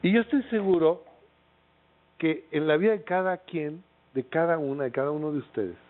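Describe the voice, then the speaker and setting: A man's voice: on the high side, moderate pace. A middle-aged Mexican man with a Mexican accent giving a lecture as a casual storyteller, with lots of fillers and tag questions. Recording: tinny phone-like lecture recording.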